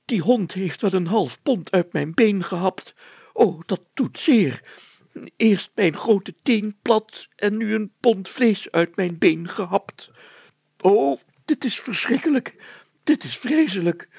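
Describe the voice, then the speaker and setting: A man's voice: high-pitched, animated, slow pace, vocal fry, darkish tone, slightly rough, dry recording, voice pushed up, exaggerated voice. A man voicing a pompous male mayor who moans and stammers over a bitten leg. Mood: wailing. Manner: whimpering, stammering, wailing.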